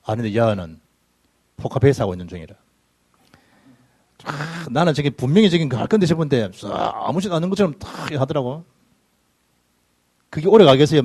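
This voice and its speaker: A middle-aged man preaching a sermon, telling stories in an animated way with sudden loud bursts. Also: on the high side, breathy edge. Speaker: pastor. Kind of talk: sermon with personal anecdotes. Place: church sanctuary.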